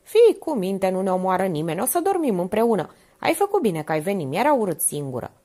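A woman voicing a frail, sickly young woman who speaks quietly, detached and resigned to dying. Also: medium pitch, big pitch swings. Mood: soothing.

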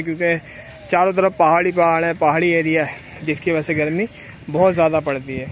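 A man's voice: high-pitched, slight background noise. A young man vlogging outdoors in a chatty way, speaking directly to his viewers through a lapel mic. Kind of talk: casual travel vlog. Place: outdoors under trees, then riding a motorbike on dusty rural roads. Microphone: clip-on lapel mic.

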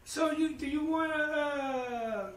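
A man's voice: extremely high pitch, slow, fairly bright tone, echoey room, slight background noise. A man interviewing casually and responding with brief encouraging reactions.

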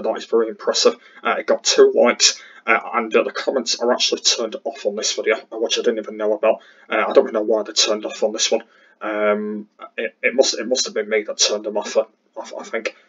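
A man with a croaky voice giving casual, hesitant commentary as a YouTube host, often repeating himself. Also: fairly low pitch, flat delivery, a little fast, fairly bright tone, highs cut off. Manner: hesitant, repetitive.

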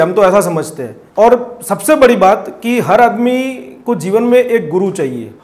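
A man gives an earnest, casual testimonial, his voice sitting high for a man. He restarts his sentences and repeats himself as he talks. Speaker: seminar participant giving a testimonial.

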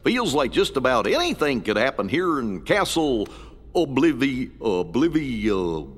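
A man voicing Goofy, a dopey, good-natured male cartoon dog who talks slowly and stumbles over words. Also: medium pitch, very animated. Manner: slow, dim-witted and stammering. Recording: long hall reverb.

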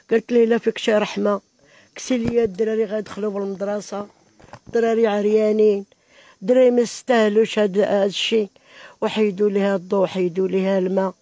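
A woman's voice: mid-range voice, little pitch movement, fast, warm tone, no echo. An older woman with a Moroccan Arabic accent, pleading for help in an interview and calling on God often, recorded in an outdoor tent on a handheld mic. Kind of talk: pleading casual talk.

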